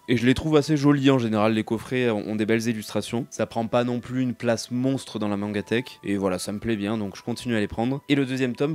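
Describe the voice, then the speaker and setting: A man presents a casual vlog in a fairly low voice. He is chatty and informal, speaking to his viewers as host, with faint music in the background. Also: a little mellow. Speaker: host of a manga haul video.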